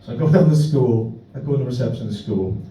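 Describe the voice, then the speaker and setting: A man's voice: mid-range voice, expressive, fast talker. A man with a South Wales Valleys accent telling stand-up anecdotes in a matey, sweary, self-deprecating way. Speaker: stand-up comedian. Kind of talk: live stand-up comedy, anecdotal storytelling. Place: indoor live comedy venue. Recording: echoey venue, distant muffled mic, faint noise.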